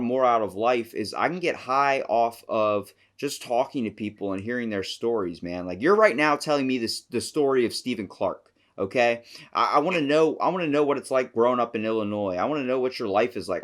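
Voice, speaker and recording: A man hosting a podcast in casual chat, excitable and slangy, calling his guest dude. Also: medium pitch, brisk. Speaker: podcast host.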